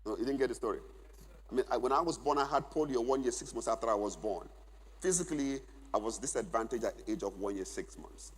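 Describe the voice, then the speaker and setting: A man's voice: medium pitch, fast, slightly rough. A middle-aged man giving an emphatic teaching at a church men's conference, repeating key phrases so listeners can take notes. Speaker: conference speaker. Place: large church hall. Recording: long hall reverb.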